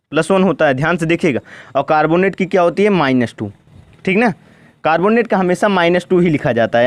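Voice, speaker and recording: Guy teaching chemistry slow and careful, keeps asking and answering, kinda high voice, dry sound. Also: no room sound. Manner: asks questions and answers them himself, repeats "ठीक ना"; speaks slowly and deliberately. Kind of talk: board lesson, step by step.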